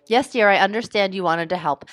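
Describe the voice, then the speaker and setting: A woman's voice: mid-range voice, a little fast, a bit bright, dry recording, natural voice. Woman voicing a harried mother, rambling and exasperated; storybook read-aloud, dry sound.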